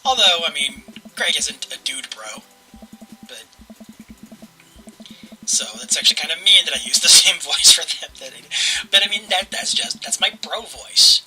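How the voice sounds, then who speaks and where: A man's voice: a little high, lively intonation, normal speed, bright, forceful tone, poor audio. A man hosting a let's play, casually commentating and reading game narration aloud.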